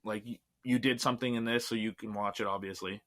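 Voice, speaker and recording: A man's voice: fairly low pitch, steady tone, fast talker, fairly bright tone. A man from Canada, a filmmaker being interviewed, talking in an easygoing way that often trails off. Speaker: filmmaker guest. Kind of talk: casual interview chat.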